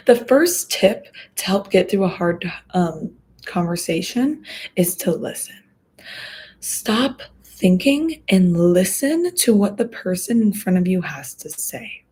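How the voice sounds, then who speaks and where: A young woman in her twenties hosting a podcast, talking through advice in an earnest, reflective way, pausing and restarting as she thinks. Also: medium pitch, warm tone, slightly rough. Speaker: podcast host. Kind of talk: casual advice talk.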